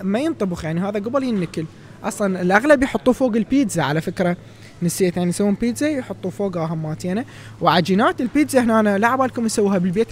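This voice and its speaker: A young Iraqi man in his twenties talks quickly through a casual vlog walk-through, his voice sitting high. His tour-guide chatter is lively and conversational. He speaks inside a large supermarket into a handheld phone. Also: slight background noise. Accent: Iraqi Arabic. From Iraq. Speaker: vlogger.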